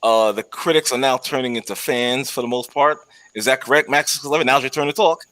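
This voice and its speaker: A man's voice: medium pitch, brisk, fairly bright tone, poor audio. A man hosting a casual sports talk show over a remote call, teasing his co-host and laughing often. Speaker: podcast host.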